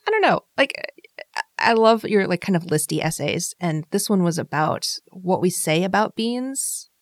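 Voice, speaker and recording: A woman's voice: lowish voice, very animated, normal speed, no echo, studio quality. A woman hosting a podcast, chatting casually and enthusiastically with many fillers and restarts. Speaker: podcast host.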